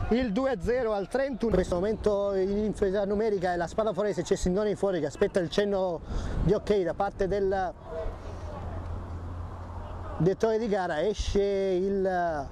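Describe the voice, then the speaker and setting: Football commentator: Italian man, high voice, excitable delivery, noisy outdoor pitch-side recording. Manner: excitable, voice rising to shouts at key moments. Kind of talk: live local football commentary.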